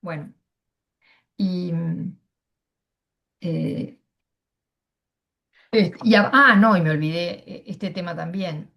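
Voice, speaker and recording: A woman's voice: on the low side, takes it slowly, gravelly, pauses often, a bit bright. A middle-aged woman from Argentina with an Argentine Spanish accent, sharing personal views at a panel in a hesitant way, with many fillers and restarts. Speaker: panel speaker. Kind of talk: casual personal testimony.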